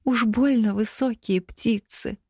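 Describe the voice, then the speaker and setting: A woman's voice: fairly high pitch, steady tone, slow pace, warm tone, breathy edge, no echo, studio quality, pitched above the performer's own voice, heavily acted. A woman voicing a timid, anxious middle-aged mother in an audiobook, speaking in a pleading way.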